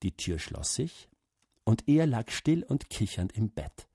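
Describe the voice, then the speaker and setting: Brief: husky low-voiced man reading a story aloud, slow and lively, dry sound. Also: dry recording. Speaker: narrator.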